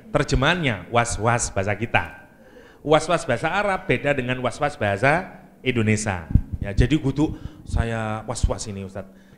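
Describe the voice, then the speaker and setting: A man with a Javanese accent giving a joking, lively lecture on Quranic exegesis as an Islamic preacher. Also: medium pitch. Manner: lively, joking, mixes Javanese and English words.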